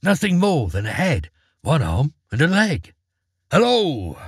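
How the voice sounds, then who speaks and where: A male storyteller reads a fairy tale in a dramatic, expressive way, and his voice rises and falls widely. The tone is husky, and the recording is dry and close with no room sound. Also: on the high side, moderate pace, dry recording.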